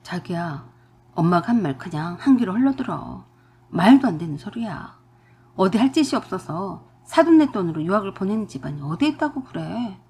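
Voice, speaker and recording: A woman's voice: mid-range voice, sing-song, normal speed, warm tone, slightly rough, pitched below the performer's own voice. A woman voicing an irritated young husband who is curt and dismissive, in a storybook radio drama. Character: irritated young husband, man, sides with his mother.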